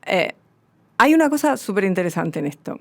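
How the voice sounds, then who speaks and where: A woman's voice: mid-range voice, very animated, a little fast, creaky, a little mellow. A woman with a southern Spanish accent, a guest linguist explaining in a radio conversation, lecturing with many restarts and tag questions.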